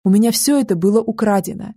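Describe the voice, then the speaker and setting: A woman voicing a grieving mother who pleads softly and earnestly with her grown son, in an audiobook. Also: mid-range voice, fast talker, slightly rough, no room sound, clean studio sound, close to an everyday voice.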